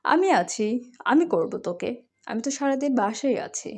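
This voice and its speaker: A woman's voice: fairly high pitch, sing-song, normal speed, a little mellow, husky, exaggerated voice. A woman voicing a devoted, teasing young husband in a romantic audio story, tender and coaxing.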